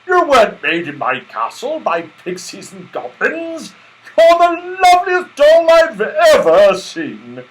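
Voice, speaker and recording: Storybook Santa: big, jolly, delighted, high and loud, hugely animated. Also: male voice, slow pace, heavily acted, rough recording. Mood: admiring surprise. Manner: exclamatory, hearty.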